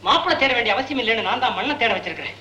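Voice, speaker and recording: An actor playing a cheeky young man, a scheming comic suitor given to quick joking banter. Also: very high-pitched, expressive, bright, forceful tone, highs cut off, slight background noise, heavily acted. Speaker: comic film character. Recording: echoey old film soundtrack.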